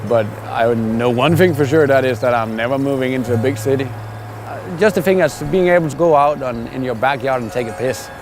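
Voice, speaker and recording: Music plays behind a middle-aged man from Denmark, a fishing guide, as he answers documentary questions candidly and easily, often with "uh"s and restarts. His voice is mid-range and a little fast.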